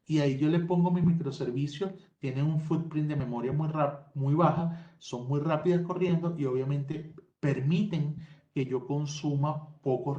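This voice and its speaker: A Venezuelan tech presenter explains technical material over a video call during a webinar, correcting himself as he goes. His voice is fairly high but dark in tone. He's in a home office in Colombia, and the audio sounds dull and roomy.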